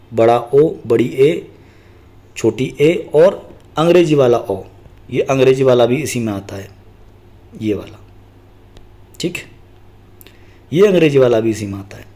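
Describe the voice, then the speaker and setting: A man's voice: medium pitch, warm tone. A man teaching an exam-prep grammar lesson, explaining step by step, asking and answering his own questions and repeating key terms.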